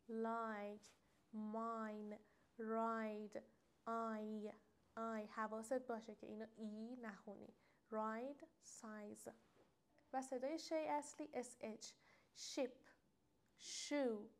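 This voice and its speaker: Young female teacher, a bit high-voiced, casual lesson to camera, drags out sample words. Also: darkish tone. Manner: addresses viewer directly, drawn-out example words. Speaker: English teacher.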